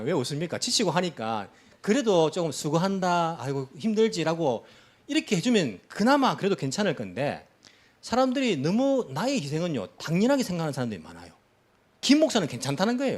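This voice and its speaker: A middle-aged male pastor preaching in church, his voice sitting a little high and swinging up and down with lively expression. He keeps asking the congregation questions and slips into quick acted-out lines of what people say. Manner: conversational preaching with rhetorical questions and acted-out quotes. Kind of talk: sermon.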